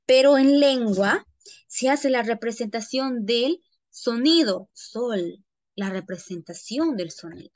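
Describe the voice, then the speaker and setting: A woman teacher, pitched high and speaking at an unhurried pace. She explains step by step and keeps checking that her students follow. The recording is dry and close, with no room sound. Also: animated, no room sound. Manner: checks in often with "¿ya?"; addresses students as "chicos". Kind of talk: online classroom lesson.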